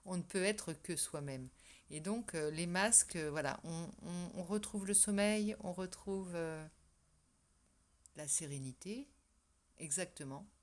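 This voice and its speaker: A woman's voice: on the low side, a little slow. A woman doing a casual tarot reading for her viewers, chatty and hesitant with many fillers and restarts. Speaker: tarot reader. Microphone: microphone that keeps falling.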